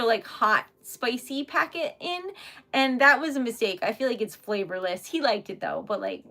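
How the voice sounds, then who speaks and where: With a slightly high, fairly bright voice, this woman hosts a livestream in a casual, lively way. An independent artist from Rhode Island, she rambles and giggles, her Rhode Island accent clear.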